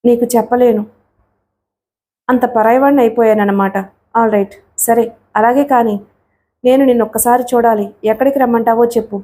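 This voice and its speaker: A woman's voice: fairly high pitch, fairly even intonation, normal speed, long pauses, mellow, close to an everyday voice. A woman reading the lines of a lovesick young man who pleads and reproaches in an audiobook story. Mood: pleading.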